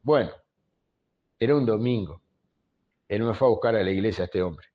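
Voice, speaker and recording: A man's voice: fairly low pitch, moderate pace, narrow, tinny audio, a little hiss or hum. A man, a pastor preaching conversationally and telling stories, often tagging phrases with a questioning aside. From Uruguay. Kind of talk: storytelling sermon.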